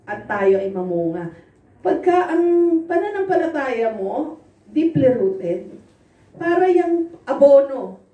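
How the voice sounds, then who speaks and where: A woman preacher giving an animated sermon full of personal stories, laughing often and acting out what people said. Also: sits high, slow, long pauses, dull audio. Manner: animated, laughs often, acts out quoted dialogue. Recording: roomy echo, voice from far off.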